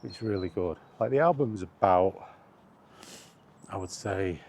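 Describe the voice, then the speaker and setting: A man with a deep, somewhat dark voice speaks at a measured pace, with a slight hiss or hum in the background. He's a vlogger recording a walking video outdoors, chatting casually in a rambling, hesitant way and often correcting himself.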